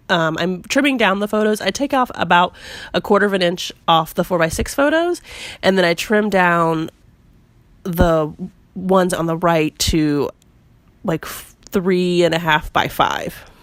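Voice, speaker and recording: A woman with a cold and a squeaky voice, narrating her scrapbooking video in a chatty, self-deprecating way with lots of fillers. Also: dry recording. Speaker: scrapbooking vlogger. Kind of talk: casual voice-over narration.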